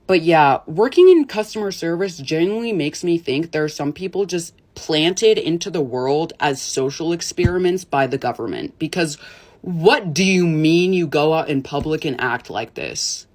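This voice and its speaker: A woman's voice: low-pitched, lively intonation, moderate pace, a little mellow. A woman in customer service casually telling a work story, wry, rambling and profane.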